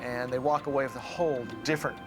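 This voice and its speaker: A man's voice: mid-range voice, steady tone, fast. Earnest man over music. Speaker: dive operator. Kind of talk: documentary interview talk. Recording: interview mixed over music.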